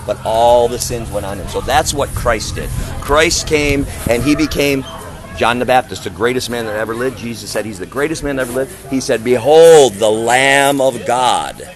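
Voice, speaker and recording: With faint music behind him, a man of medium pitch speaks at an ordinary pace. He preaches on the street with fervor and a big, loud voice, his delivery emphatic and declamatory and heavy with rhetorical questions, as in an open-air discussion.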